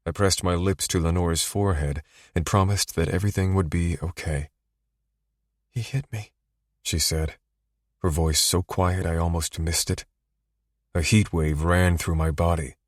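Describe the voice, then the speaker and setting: A man narrating a romance audiobook in the first person, with low, steady, intimate storytelling. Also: moderate pace, dry recording, studio quality.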